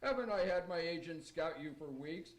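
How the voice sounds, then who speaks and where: Man playing a high-voiced, genial Santa Claus. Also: expressive, normal speed, lightly acted, rough recording. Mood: calmly reproving. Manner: polite, gently reproving rhymed speech. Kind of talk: verse radio play acting.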